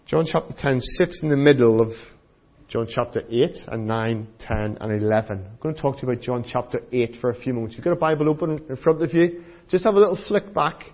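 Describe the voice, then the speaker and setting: Clear-voiced British man preaching to children. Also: medium pitch, a little fast, muffled recording. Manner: teacherly, simple questions to the listeners in the manner of a children's presenter. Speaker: preacher giving a children's talk. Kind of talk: sermon for children. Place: church.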